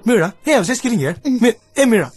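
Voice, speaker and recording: A man's voice: sits high, animated, slow, music in the background. An actor dubbing a brash young man who mocks his date rudely and mixes English into his Telugu. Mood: mocking.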